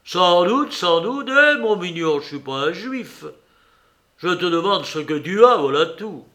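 A sneering blackmailer, his voice pitched up and loud as he jeers, pressing and relentless, as a man reading a novel aloud puts him on. The delivery is emphatic and mocking in a storybook reading. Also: very animated, a little slow, full character voice. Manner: raised, jeering, emphatic.

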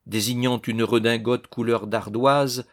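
A man narrating an audiobook in a measured literary reading. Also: mid-range voice, steady tone.

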